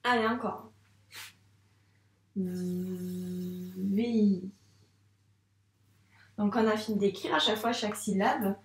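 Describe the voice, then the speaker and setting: A woman teacher guides young children through a handwriting lesson in a patient, encouraging way, talking straight to the child. Her voice sits fairly high. The recording sounds roomy and echoey, with her standing a little away from the microphone. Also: distant mic. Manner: slow, patient, encouraging, addresses the child directly. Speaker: first-grade teacher.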